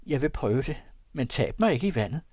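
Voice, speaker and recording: A spirited young maiden teases in quick words, voiced by a male reader. The storybook reading is dry and close-miked. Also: mid-range voice, sing-song, darkish tone, no echo, pitched above the performer's own voice. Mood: teasing.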